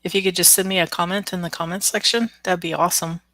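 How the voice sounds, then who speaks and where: She talks fast in a fairly low, fairly bright voice with fairly even intonation, no room sound. An oracle card reader hosting a live stream, she's chatty, laughs often and greets commenters by name, though flu makes her nasal and congested.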